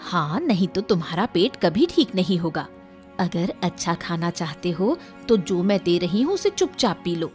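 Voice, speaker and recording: A woman's voice: lowish voice, very animated, moderate pace, a little mellow, soft background music. A woman voicing a caring wife in a cartoon, firm and coaxing. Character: caring firm wife pushing bitter medicine. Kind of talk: animated cartoon dialogue.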